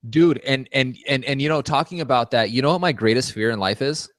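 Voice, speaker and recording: Fast-talking man rambling in casual podcast chat. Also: mid-range voice, fairly bright tone, dry recording, studio quality. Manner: rambling storyteller, swears often, says "dude" a lot. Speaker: podcast host.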